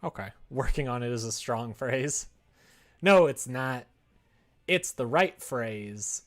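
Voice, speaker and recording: Speaking slowly at a medium pitch, a man builds a visual novel on a casual livestream. He thinks aloud while browsing, muttering to himself with playful asides and sound effects.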